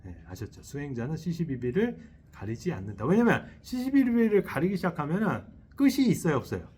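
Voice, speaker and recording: Lively monk preaching with questions. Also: male voice, fairly high pitch, brisk, husky. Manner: lively, asks the audience questions and checks in often; chuckles while acting out little inner voices. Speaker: Buddhist monk giving a dharma talk. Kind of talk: sermon. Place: temple hall. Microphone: selfie-style camera.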